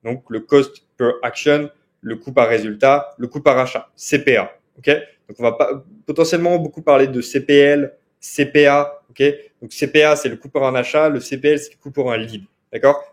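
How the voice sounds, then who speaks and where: A man's voice: medium pitch, fairly even intonation, normal speed. A man giving an online marketing course lecture in French. He explains step by step, often stops to check with "ok?", and corrects himself as he goes. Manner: explanatory, repeats key terms, frequent "ok?" checks; fillers and self-corrections. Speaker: marketing trainer.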